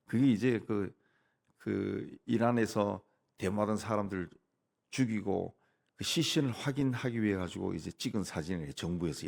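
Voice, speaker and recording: Gravelly low-voiced male pastor. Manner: plain-spoken, punctuates points with "예" and "막". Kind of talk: conversational sermon at a dawn prayer service. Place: church sanctuary.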